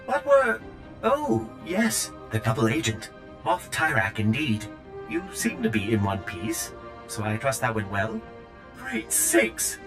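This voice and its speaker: A prim male droid speaks in a too-smooth android voice, low and glossy, though his pitch rises and falls a lot. His delivery stays clipped and correct, like a well-mannered servant machine in a video game. Game music plays clearly behind him. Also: sing-song, slow pace, low-quality recording. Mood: urgent. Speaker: game character.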